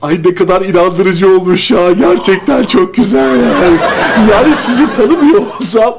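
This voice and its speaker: A shrill, giggly husband in a sketch. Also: male voice, normal speed, gravelly, crowd noise, background noise. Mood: giddy. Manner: giggly, shrill, frantic shouting. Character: excitable husband, fooled by a staged robbery. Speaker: sketch comedy character. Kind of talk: sitcom sketch acting.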